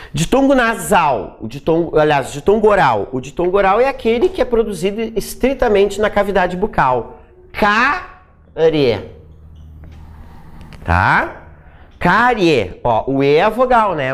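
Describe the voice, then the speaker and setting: A grammar teacher leads a recorded exam-prep lesson, the voice sitting at a mid pitch but swinging widely up and down. Nearly every point closes with a quick checking "tá?" or "né?". Key rules are said over and over, and example words are drawn out slowly to show how they sound. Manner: repeats key points for emphasis.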